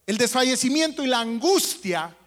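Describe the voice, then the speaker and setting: A man's voice: extremely high pitch, animated, moderate pace, fairly bright tone. A man preaching a sermon as pastor, asking the congregation questions with strong emphasis. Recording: long hall reverb.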